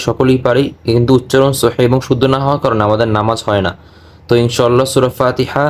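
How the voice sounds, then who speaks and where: A man teaching Quran pronunciation, who explains quickly and then recites verses slowly and drawn out. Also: mid-range voice.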